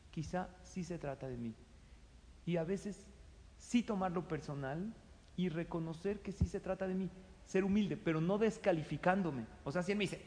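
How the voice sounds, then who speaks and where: A middle-aged man with a Mexican accent speaks in a fairly high voice, talking his listeners through everyday advice. He acts out little quoted exchanges with lively energy. His voice carries a long, hall-like reverb. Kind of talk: conversational advice talk.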